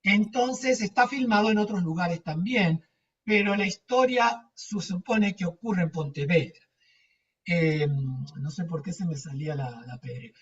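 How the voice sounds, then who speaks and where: A man's voice: high-pitched, unhurried, slightly rough, recorded from a distance, lo-fi sound. A man, chatting casually with a group, rambling and searching for words. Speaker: lecturer.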